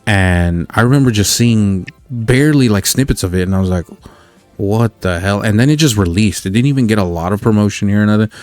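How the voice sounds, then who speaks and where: A man's voice: lowish voice, fast talker, few pauses, a little mellow, faint music behind. A man co-hosting a podcast, chatting casually about video games in a rambling way with many fillers and restarts. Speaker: podcast co-host.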